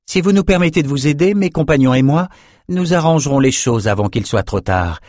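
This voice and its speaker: A man's voice: mid-range voice, very animated, moderate pace, darkish tone, dry recording, clean studio sound, pitched above the performer's own voice, close to an everyday voice. A man voicing an earnest, determined young woman adventurer in an audiobook, persuasive in tone. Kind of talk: audiobook character voice.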